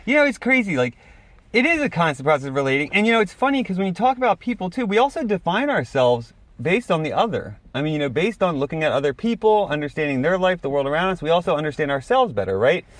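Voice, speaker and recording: A man's voice: on the high side, sing-song, fast, no room sound. A man co-hosting a podcast, talking in a reflective, rambling way and laughing often. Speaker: podcast co-host. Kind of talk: casual chat.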